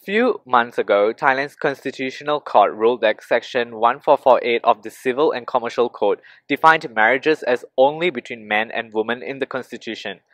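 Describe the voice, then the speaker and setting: A man's voice: mid-range voice, normal speed, few pauses, fairly bright tone, no echo. Man reading a prepared podcast intro. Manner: reads a prepared news-like summary. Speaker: podcast co-host. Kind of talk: scripted episode introduction.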